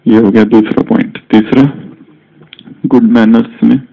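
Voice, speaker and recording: A man giving a spiritual discourse to a group, teaching in a slow, measured way and mixing in English words. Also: medium pitch, little pitch movement, creaky. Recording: dull lo-fi recording.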